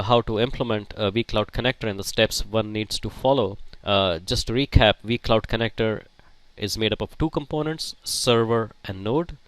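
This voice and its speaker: Halting male IT instructor, smooth voice. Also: fairly low pitch, fairly bright tone, no echo. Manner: halting, many fillers and restarts. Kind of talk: technical lecture.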